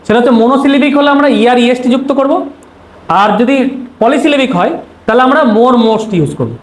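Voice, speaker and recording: A man's voice: extremely high pitch, lively intonation, fast. A man teaching an exam-prep grammar lesson, posing questions and answering them himself. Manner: asks rhetorical questions then answers them; repeats key terms to drill them. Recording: roomy echo, faint noise.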